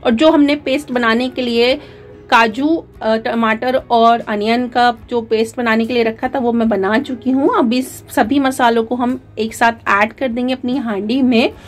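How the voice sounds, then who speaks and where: A woman narrates a recipe as a channel host, her voice sitting a little high. She talks through each step calmly, pausing on fillers and mixing words into her speech. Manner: calm step-by-step instruction with frequent fillers.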